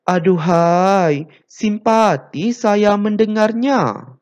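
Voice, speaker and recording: An eager reporter, read aloud by a teacher showers praise in a raised, exclamatory voice. Each line lifts noticeably higher than the teacher's plain speech. The sound is dull and lo-fi. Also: expressive, very slow, darkish tone. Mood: enthusiastic.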